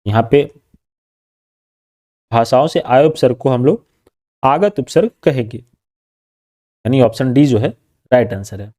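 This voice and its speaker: A man with a warm, soft-edged tone runs an exam practice lesson. He reads each question and its options in turn, then says and repeats the right answer. His pitch sits at an ordinary middle height. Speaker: teacher.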